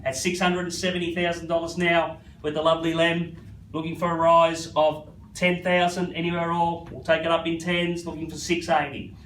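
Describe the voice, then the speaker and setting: High-voiced Australian male auctioneer, echoey. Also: little pitch movement, moderate pace, fairly bright tone. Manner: repetitive, addresses bidders by first name. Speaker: real estate auctioneer. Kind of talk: live auction patter. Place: live property auction. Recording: echoey, slightly distant, faint background noise.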